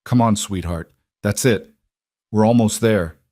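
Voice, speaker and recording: A man's voice: on the low side, a little slow, a little mellow, no echo, close to an everyday voice. A man voicing a brave young pregnant wife, urgent and pleading with her husband. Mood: coaxing.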